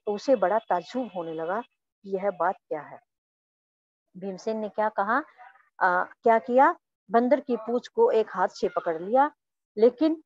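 A woman's voice: a little high, darkish tone, no echo, dull audio. A woman teacher reads a story lesson aloud and then retells each passage in simpler words. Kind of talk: reading and retelling a textbook story.

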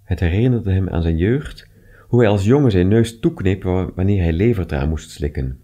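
A man reading short stories aloud with expressive, measured narration. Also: low-pitched. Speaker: reader.

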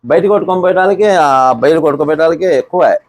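Fast-talking man. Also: on the high side, no echo. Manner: rapid rural storytelling, re-enacts quoted speech. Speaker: bull owner and farmer. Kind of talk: storytelling in an interview.

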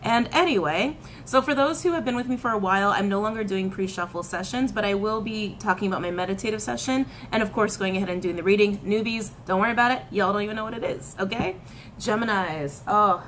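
Framed head and shoulders by a camera in front of her, this tarot reader in her thirties talks fast in a medium-pitched voice, with slight background noise. She reads casually in a small room, chatting, gesturing a lot, laughing frequently and repeating herself.

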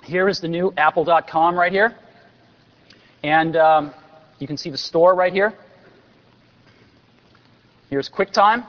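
With a slightly high, somewhat bright voice, this executive in his forties speaks slowly and leaves long pauses during an enthusiastic product keynote on a large convention stage. Dry sarcastic asides pepper the talk. Long hall reverb fills the dull, lo-fi recording.

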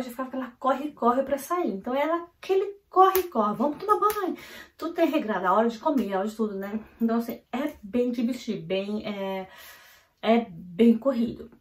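A woman from Brazil, vlogging at home and telling a family story in a hurried, animated way, full of "então, assim" fillers. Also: on the high side. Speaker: vlogger and mother. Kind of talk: casual storytelling to camera. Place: at home, indoors. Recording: roomy echo of a home room.

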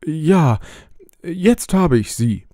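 A man's voice: fairly high pitch, expressive, drawn-out words, mellow, no room sound, clean studio sound, voice pushed up, full character voice. A man reading a hesitant, plain shopkeeper. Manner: hesitant, with filler sounds. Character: plain, hesitant middle-aged male shopkeeper. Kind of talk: audiobook role reading.

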